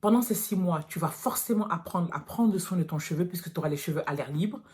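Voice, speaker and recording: A woman's voice: on the low side, fast talker, darkish tone. A woman in her thirties from France, talking to her viewers in a casual vlog, frank and direct, calling them girls. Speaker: natural hair vlogger.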